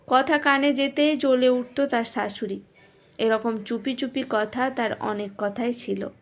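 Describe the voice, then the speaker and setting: A woman tells her own story aloud as a first-person narration. She sounds reflective and pokes fun at herself, and her voice sits fairly high. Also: measured pace. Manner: reflective and self-mocking.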